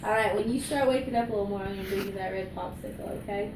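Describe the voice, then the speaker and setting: A woman's voice: medium pitch, racing. A woman working as a nurse, chatting casually at a bedside in a teasing, reassuring way. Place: hospital recovery room. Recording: echoey room, distant mic, background noise.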